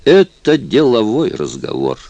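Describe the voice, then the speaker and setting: A man reading a cold, sarcastic doctor who speaks with smooth, worldly politeness. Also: medium pitch, huge pitch swings, measured pace, a little mellow, no echo, dull audio, voice pushed up, full character voice. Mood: coolly polite.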